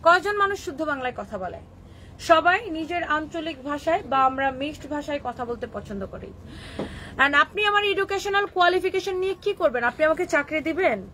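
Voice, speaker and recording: Scolding comments from her live stream audience, a Bangladeshi shop owner who sells clothing speaks Bengali with a Kishoreganj accent, sprinkled with English. Her voice is high, bright and forceful, with a little hiss or hum in the recording.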